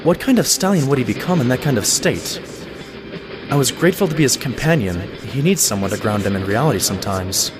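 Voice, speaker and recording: Man as Doctor Trotson, animated earnest pony sidekick. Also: medium pitch, a little fast, over music, lightly acted. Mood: reflective narration. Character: loyal, earnest stallion doctor, exasperated detective's companion. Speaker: narrator and sidekick. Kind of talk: audio drama narration and dialogue.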